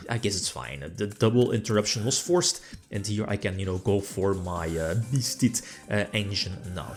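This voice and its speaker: Low-pitched male gamer, casual rambling match commentary, lots of restarts, soft music bed behind. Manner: rambling, full of fillers and restarts. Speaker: card game player commentating his deck.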